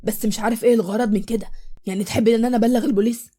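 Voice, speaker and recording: A woman's voice: on the high side, fairly even intonation, racing, dark tone, natural voice. A woman playing a fatherly worried doctor. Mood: concerned. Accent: Egyptian Arabic. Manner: fatherly, reassuring. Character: kindly older male doctor, fatherly and worried. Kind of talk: storybook voice acting.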